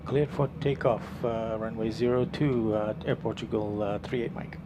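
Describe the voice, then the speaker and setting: A man's voice: medium pitch, fairly even intonation, moderate pace, noisy background. A man flying as a virtual airline pilot, reading checklists and radio calls into a pilot's cockpit headset in clipped, matter-of-fact callouts.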